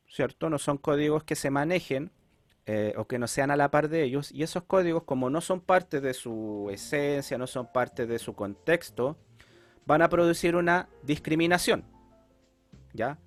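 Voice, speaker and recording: A Chilean man lecturing in an online class, his voice sitting fairly high for a man. He explains step by step and keeps checking in with his students. Soft music plays faintly behind him. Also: expressive, measured pace. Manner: explanatory, checks in often with "¿ya?" and "¿cierto?". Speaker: teacher.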